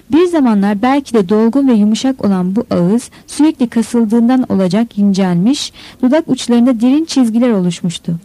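A woman giving a steady, descriptive audiobook narration. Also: on the high side, no room sound, poor audio. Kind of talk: scripted narration.

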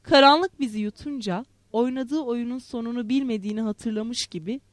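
High-voiced woman reading a story. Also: no room sound. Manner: quiet, measured, drops softly on speech tags. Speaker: audiobook narrator. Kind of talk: literary first-person story reading.

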